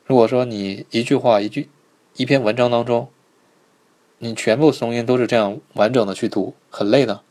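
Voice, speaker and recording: A man's voice: medium pitch, fairly even intonation, darkish tone. Man teaching pronunciation in a livestream. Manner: patient, repeats sounds slowly, asks "对吧" often. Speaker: Korean language teacher. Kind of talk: live online pronunciation lesson.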